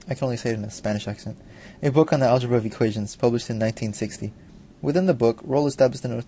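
A young man, a student, reading a school presentation from notes, fast and with small slips and restarts. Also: medium pitch, dark tone, breathy edge.

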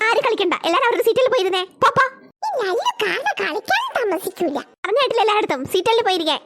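A woman's voice: very high-pitched, expressive, fast, noisy background. A woman voicing a stern preschool teacher who scolds the children. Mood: scolding.

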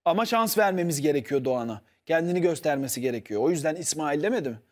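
A man with a high voice that jumps all over the place, arguing hard on a studio panel show. He keeps pressing his point and turns to the viewers to back him up. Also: lively intonation, quick pace. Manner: insistent, argumentative, appeals to the viewers. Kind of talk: heated TV panel debate.

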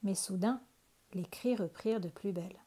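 A woman calmly reading a children's picture book aloud. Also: medium pitch, slightly rough. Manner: calm, unhurried storytelling. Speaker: storyteller.

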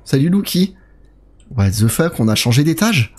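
A man's voice: fairly high pitch, very animated, normal speed, darkish tone. A young man casually commenting as he plays a horror game and thanks his viewers by name. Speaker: let's play streamer.

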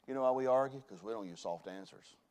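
A man, preaching a sermon in a church. He swings from loud emphasis to hushed tones. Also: medium pitch, fast. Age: 40s. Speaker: pastor. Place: church sanctuary.

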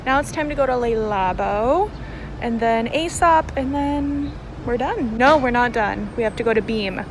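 A woman's voice: on the high side, moderate pace. A young woman in her twenties chatting casually to a phone at arm's length while walking outdoors in the city. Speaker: vlogger. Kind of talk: casual vlog narration. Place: city street and waterfront park outdoors. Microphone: phone held at arm's length. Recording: outdoor street noise from traffic. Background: city traffic.

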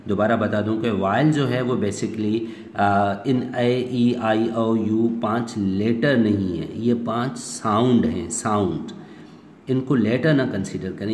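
Lower-pitched male teacher. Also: a little mellow. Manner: explanatory, mixes in English phrases, frequent fillers. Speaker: English language teacher. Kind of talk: online lecture. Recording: echoey room with faint noise.

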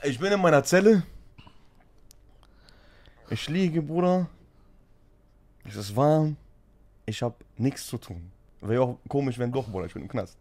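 A man's voice: mid-range voice, unhurried, long pauses. A man telling a funny story in casual street slang, laughing often as he goes. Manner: animated, slangy, keeps saying "Bruder".

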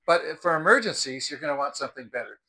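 On his front porch beside the door, an American reviewer in his sixties explains products to camera, unscripted, conversational and emphatic. His voice is on the high side, bright and forceful, and he speaks fast and animatedly.

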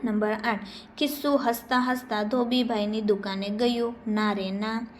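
A woman teacher reading out workbook answers and giving dialogue lines an expressive lift. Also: on the high side, a little slow, slight background noise. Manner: reads dialogue lines with lively, expressive emphasis.

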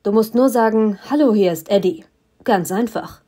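A woman voicing a menacing young man who controls minds, speaking calm, condescending threats in an audiobook. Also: medium pitch, normal speed, close to an everyday voice. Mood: coolly threatening.

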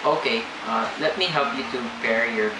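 A young man playing a polite call center agent, with a stilted, halting scripted delivery. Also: medium pitch, close to an everyday voice. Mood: polite, instructing. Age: young adult. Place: small indoor room. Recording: echoey room, loud background hum.

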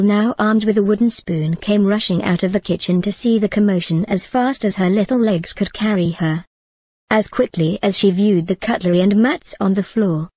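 Husky woman narrating a story. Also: medium pitch, warm tone, dry recording.

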